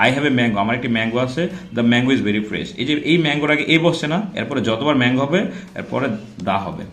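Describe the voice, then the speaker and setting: A male grammar teacher in a medium-pitched voice talks through a lesson in a casual, classroom way. He spells out and repeats example words and keeps asking rhetorical check-in questions. The sound is roomy, with a clear echo. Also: quick pace, a bit bright.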